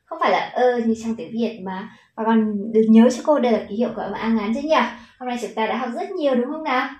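A woman's voice: fairly high pitch, fast, darkish tone, reverberant, poor audio. A woman with a Vietnamese accent teaching children English pronunciation, patient and encouraging, stretching out the model words.

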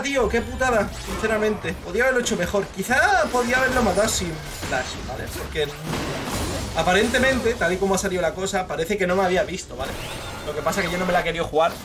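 A young man with a Spain Spanish accent giving live gameplay commentary, swearing freely and bursting into shouts at the big plays. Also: a little high. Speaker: streamer. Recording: game music clearly behind the voice.

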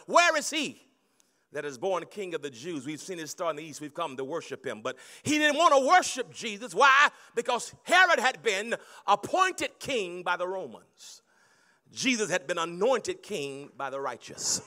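A middle-aged man preaching a sermon on a handheld mic in a large banquet hall, moving between hushed storytelling and loud shouting. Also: high voice, big pitch swings, moderate pace. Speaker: pastor.

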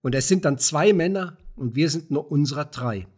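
A man's voice: fairly high pitch, lively intonation, moderate pace, darkish tone, breathy edge. A man voicing a timid, anxious gatekeeper who pleads in hasty, sighing bursts, in an audiobook reading. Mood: bitter, fearful.

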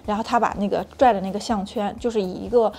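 A woman hosting her own channel, telling a frank personal story in an animated, chatty way with many restarts. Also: mid-range voice, quick pace. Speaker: channel host sharing personal experience.

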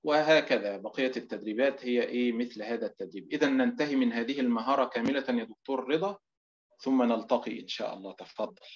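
A middle-aged man teaching Quranic recitation in an online lesson, explaining step by step and stretching example words out slowly. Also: mid-range voice, highs cut off.

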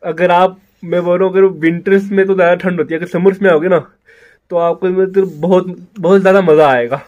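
Vlogging a motorbike trip, a young man chats casually into his handheld phone on a cold, rainy hillside camp, clearly feeling the chill. His high, darkish voice keeps fairly even intonation at a slightly fast pace, and the recording is muffled with no room sound.

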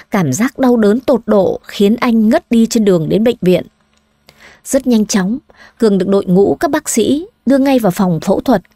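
A woman narrating a dramatic story in an audiobook, reading slowly and with emotion. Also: mid-range voice, warm tone, no room sound, studio quality.

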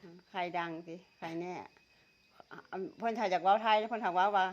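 In a muffled recording, a woman vlogger speaks a little fast at medium pitch. Her accent is Isan from northeastern Thailand, Tai Yo, and she chats and teases casually while eating, laughing often.

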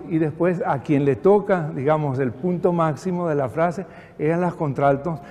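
A man's voice: on the high side, dark tone. An older man directing a choir rehearsal, giving patient, encouraging instructions with a touch of dry humor. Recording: echoey hall, faint background noise.

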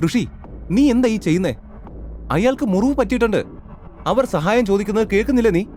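A man's voice: high-pitched, expressive, brisk, darkish tone, voice pushed up. A man doing a tense, pleading young woman. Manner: urgent, strained questioning.

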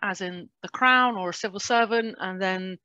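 A woman's voice: medium pitch, normal speed, bright, forceful tone, clean tone, no echo. A woman with a British English accent giving an informal slide presentation over a video call. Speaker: presenter, port safety officer's assistant. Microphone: video call microphone. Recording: dull, dry webinar audio.

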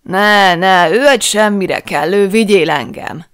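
A woman voicing a drunk, rowdy male Scottish clansman who shouts crude jokes in a loud heckling voice, read for an audiobook. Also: high voice, steady tone, gravelly, smooth. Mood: drunken boisterous.

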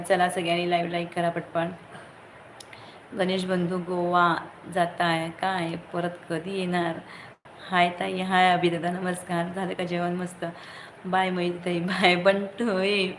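A woman's voice: on the low side, rough recording. A woman hosting a casual live stream, greeting viewers by name and asking everyone to like the stream. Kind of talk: casual live-stream chat reading comments. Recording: faint background noise.

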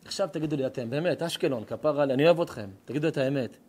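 A rabbi gives an animated sermon, teasing and questioning his live audience directly. His fairly high male voice carries the talk in a hall full of listeners. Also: breathy edge. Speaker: rabbi, preacher. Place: lecture hall or synagogue with an audience.

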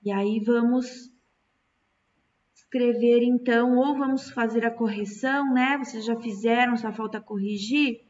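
A woman's voice: a little high, steady tone, unhurried, a little mellow. A Brazilian woman teaching a recorded lesson to children, patient and stretching out key words. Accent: Brazilian Portuguese. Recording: distant, dull lo-fi mic.

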